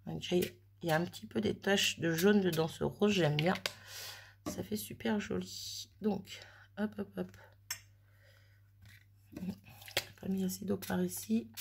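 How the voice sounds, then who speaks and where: A woman with a lowish, creaky voice speaks unhurriedly and fairly evenly, leaving long pauses, against a noisy background. Demonstrating mixed-media art in her home craft room while an oven runs, she narrates a casual tutorial, chatting, thinking aloud as she works, and making fun of herself.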